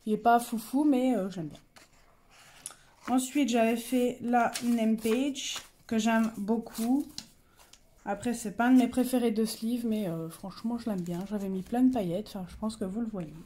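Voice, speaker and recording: A woman's voice: a little high, normal speed, dark tone, slight background noise. A young woman casually showing her coloring pages, chatty and hesitant, with many fillers and self-corrections. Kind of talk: casual show-and-tell.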